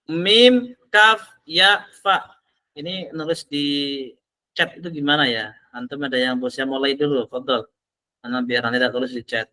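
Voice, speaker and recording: A man teaching an online Arabic class, slowly sounding out each Arabic word before explaining it. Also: mid-range voice, bright, forceful tone.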